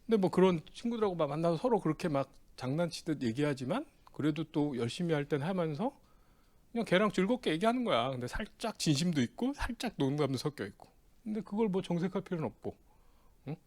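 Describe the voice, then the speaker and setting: Chatty Korean lecturer with lively pitch. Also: male voice, quick pace. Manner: chatty, keeps asking the class "응?", acts out friends' banter. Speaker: exam prep lecturer. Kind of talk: casual lecture with personal anecdote.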